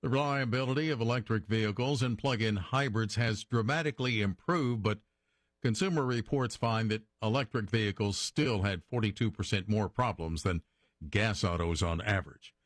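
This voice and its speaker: A man's voice: on the low side, normal speed, no echo, studio quality. An American man anchoring a scripted radio newscast. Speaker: news anchor.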